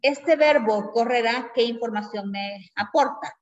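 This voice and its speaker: A woman teacher giving a grammar lesson who explains patiently and keeps checking in with her class through quick tag questions. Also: fairly high pitch. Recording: dull lo-fi recording.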